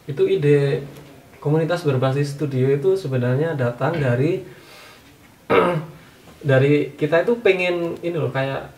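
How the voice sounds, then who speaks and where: A man's voice: fairly high pitch, measured pace, long pauses, a little mellow, far from the mic. A man, chatting in an easygoing, hesitant way with fillers. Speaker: comic community member. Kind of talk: casual chat. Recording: echoey room, voice a bit off-mic.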